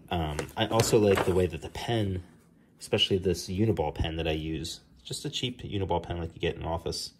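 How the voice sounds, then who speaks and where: A middle-aged man with a New Jersey accent walks through his drawing process in a relaxed, rambling way, full of ums and restarts. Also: sits low, a little hiss or hum. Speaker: comic artist. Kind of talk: casual drawing tutorial.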